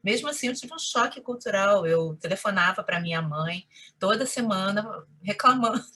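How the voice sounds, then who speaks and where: Woman, Carioca accent, bright voice, interview guest, animated conversational storyteller. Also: medium pitch, moderate pace, slightly rough. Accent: Rio de Janeiro Portuguese. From Brazil.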